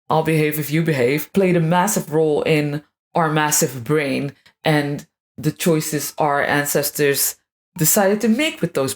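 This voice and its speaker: Woman, slightly low voice, sarcastic vlogger with a crude, irreverent edge. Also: darkish tone. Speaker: video creator. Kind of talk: scripted monologue.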